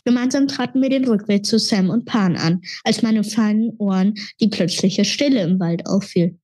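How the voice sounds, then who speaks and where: A woman reads a children's fantasy story aloud. Her voice sits at a middle pitch, and her narration stays steady and expressive. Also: normal speed. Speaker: reader. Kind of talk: children's book reading.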